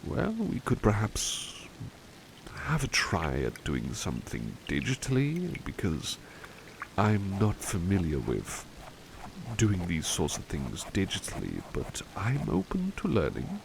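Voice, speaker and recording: In an ASMR personal-attention roleplay, a man plays a devoted, mild-mannered butler, his deep voice swinging hugely in pitch as he speaks slowly and in a heavily acted way. He sounds eager yet hesitant, using polite, formal, musing phrasing. Noticeable noisy ambience sits behind his voice.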